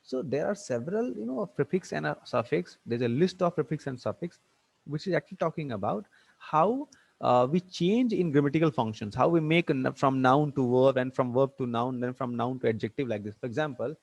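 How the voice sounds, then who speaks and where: Halting male teacher. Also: mid-range voice, animated, creaky, low-quality recording. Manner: halting, many fillers and restarts, spells words out letter by letter. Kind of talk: online English grammar lecture.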